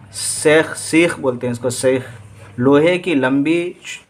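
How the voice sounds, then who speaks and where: A man's voice: mid-range voice, a little hiss or hum. A man with an Indian Urdu accent teaching exam vocabulary. He reads each word with its meaning, repeats it and quizzes his students.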